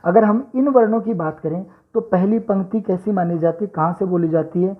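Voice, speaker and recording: A man's voice: sits high, a little fast. A man teaching Hindi handwriting and letter pronunciation, patiently explaining and sounding out letters one by one. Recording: tinny phone-like audio.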